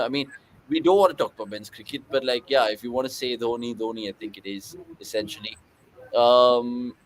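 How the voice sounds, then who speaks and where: A man's voice: medium pitch, low-quality recording. Chatty British man hosting a cricket watchalong. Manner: chatty, reacts excitedly to shots, reads viewer questions. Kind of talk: live cricket watchalong commentary.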